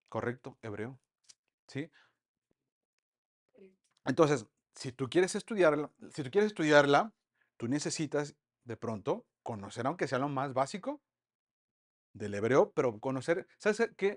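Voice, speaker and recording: A man teaching an online Bible study lesson, lively and full of rhetorical questions to the group. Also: a little high.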